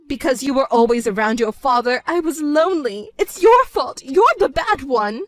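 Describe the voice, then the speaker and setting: A woman playing a shrill self-pitying stepmother. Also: a little fast, no echo, lightly acted. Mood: indignant. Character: shrill selfish middle-aged stepmother, whiny and manipulative. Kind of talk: dramatized story narration.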